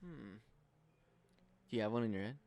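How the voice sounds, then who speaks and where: A young man chats casually as a podcast co-host, loose and profane with plenty of slang. His voice sits on the low side, recorded close with a dry, dead sound. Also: lively intonation, moderate pace, vocal fry, darkish tone, no room sound. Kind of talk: casual chat.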